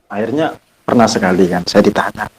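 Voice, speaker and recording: A man's voice: fairly low pitch, fairly quick, low-quality recording. A young man, a guest on a podcast, telling a personal story in an earnest, reflective way and often quoting himself. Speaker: podcast guest, Islamic teacher. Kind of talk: casual storytelling in conversation.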